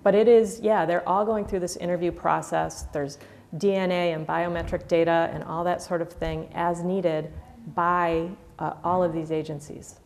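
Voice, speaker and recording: A woman speaking in a measured, thoughtful way with occasional fillers in a documentary interview. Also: fairly low pitch, fairly even intonation, a little mellow, a little hiss or hum.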